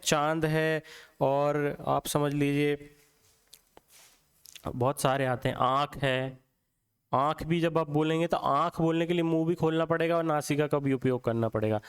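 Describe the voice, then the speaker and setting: A man teaching Hindi for exams, explaining step by step and repeating words slowly to show how they sound. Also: a little high, smooth. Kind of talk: classroom lecture for exam prep.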